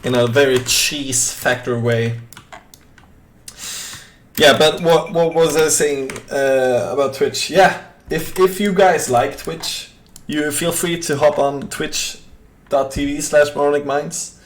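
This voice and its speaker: A man's voice: on the high side, slow, a little hiss or hum. A young man from Sweden with a Swedish accent, chatting casually on a game live stream, reading chat aloud with lots of fillers. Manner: rambling, reads chat aloud, many fillers.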